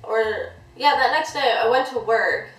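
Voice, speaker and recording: A woman's voice: on the high side, measured pace, a bit bright, far from the mic. Chatty young woman, echoey off-mic room. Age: young adult. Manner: chatty, rambling, heavy use of "like". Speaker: vlogger. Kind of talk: casual storytime chat.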